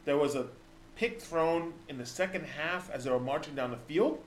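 High-pitched guy chatting sports, rambly, lots of restarts, roomy echo. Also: expressive, normal speed, slight background noise. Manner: rambling, many restarts and fillers. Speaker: podcast co-host. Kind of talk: casual sports talk.

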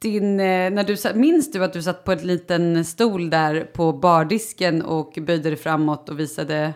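A woman's voice: lowish voice, fairly even intonation, darkish tone. A woman co-hosting a casual podcast, teasing her friend, laughing often and reacting with exclamations. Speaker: podcast co-host. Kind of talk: casual chat.

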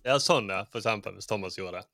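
A man in his forties with a mid-range voice, co-hosting a casual podcast. He jokes around and chimes in with quick agreement. The sound is close and dry. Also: on the low side, pushed and bright, no echo. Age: 40s. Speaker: podcast co-host. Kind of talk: casual chat.

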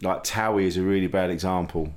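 A man's voice: low-pitched, steady tone, a little fast. A man from Kent with a south-east English accent, hosting a podcast in casual, blokey, sweary banter. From Kent, south-east England. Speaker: podcast host. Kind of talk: casual chat.

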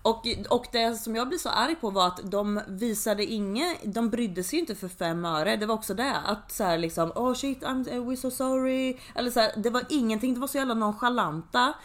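A young woman co-hosting a podcast in casual chat, emphatic, with quick agreeing interjections and plenty of swearing. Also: a little high. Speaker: podcast co-host.

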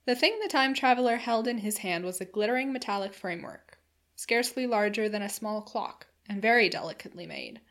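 A woman narrating a classic novel in a measured, steady storytelling voice. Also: mid-range voice. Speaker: audiobook reader.

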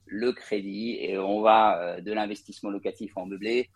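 Speaking at normal speed with a steady, lowish voice and no room sound, a man from Paris, France shares how his career unfolded. He's a cofounder of a real estate company interviewed as a guest, fluent yet full of hesitation fillers.

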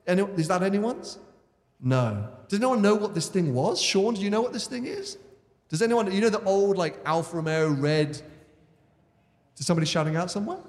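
A man's voice: sits high, animated, brisk. A British man chatting as the host of a live audience Q and A on stage. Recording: echoey hall, PA microphone.

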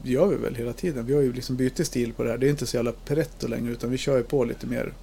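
A man's voice: medium pitch, fairly even intonation, gravelly, warm tone, a little hiss or hum. A man in his fifties hosting a podcast, chatting casually, joking and swearing easily. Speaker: podcast host.

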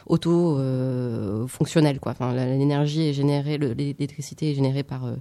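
Mellow-voiced woman rambling on radio. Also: a bass voice, fairly even intonation, no room sound. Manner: rambling, halting with fillers. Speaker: radio chat guest. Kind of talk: casual radio chat. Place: radio studio.

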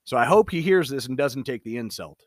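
A man's voice: mid-range voice, lively intonation, brisk, no room sound, clean studio sound. A man delivering an emphatic, opinionated commentary monologue.

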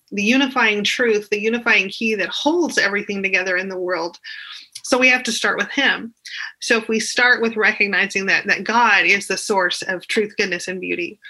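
Female podcast speaker, bright forceful tone, measured explanatory delivery with repeated emphasis. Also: medium pitch, poor audio. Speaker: podcast guest and teacher trainer.

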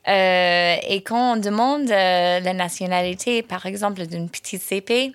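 A woman's voice: mid-range voice, measured pace, smooth, no room sound. A woman teacher answering interview questions, hesitant with many fillers.

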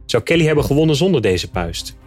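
A man narrating a scripted nonfiction account in a steady, measured reading voice. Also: medium pitch, faint music behind.

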